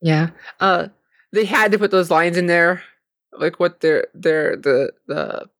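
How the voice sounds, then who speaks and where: A podcast co-host in casual chat, chatty and quick to laugh. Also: medium pitch, a bit bright, no room sound, studio quality.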